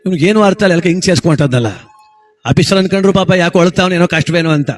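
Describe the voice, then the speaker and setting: A man's voice: high voice, rapid-fire. A man telling a folk tale with chatty, amused asides. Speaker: storyteller.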